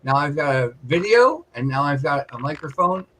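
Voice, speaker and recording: A man co-hosting a casual livestream, speaking a bit higher than most men. He rambles and restarts his sentences between shout-outs. A faint hiss sits under his computer mic. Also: very animated, normal speed, poor audio. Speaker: livestream co-host.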